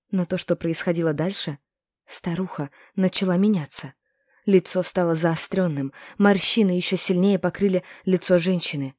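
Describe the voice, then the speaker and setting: A woman narrating a fantasy audiobook in the first person, in an even, measured way. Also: on the low side, no room sound, clean studio sound. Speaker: audiobook reader.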